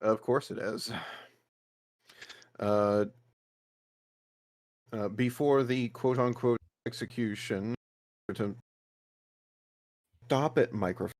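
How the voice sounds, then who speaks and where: Slow halting guy on voice chat, mic cutting out, volume dropping in and out. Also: mid-range voice, a little mellow, no echo. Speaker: tabletop game player. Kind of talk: casual tabletop game chat over a voice call. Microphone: online voice chat mic.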